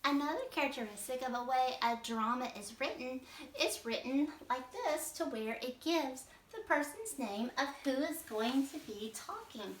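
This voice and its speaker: A woman's voice: sits high, animated, normal speed, slight background noise. A woman teaching kindergarteners, patiently explaining a story step by step in a read-aloud lesson. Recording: echoey room, mic at a distance.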